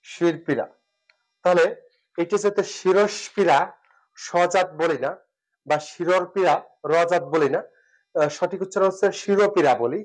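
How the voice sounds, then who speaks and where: A man teaching spelling rules who speaks, repeats words, pauses with fillers and asks and answers his own questions. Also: high voice. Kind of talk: classroom lesson.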